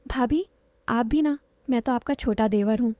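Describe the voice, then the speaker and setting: A woman voicing a gentle, earnest young man who speaks affectionately to his sister-in-law. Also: a little high, moderate pace, no room sound, natural voice. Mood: tender. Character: tender young man, devoted brother-in-law.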